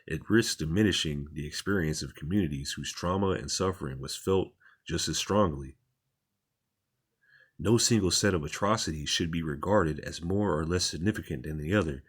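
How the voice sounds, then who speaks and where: A man's voice: extremely low pitch, moderate pace, slightly rough. A man reading articles aloud and commenting on them in an informal, repetitive, plain-spoken way, as a religious commentator.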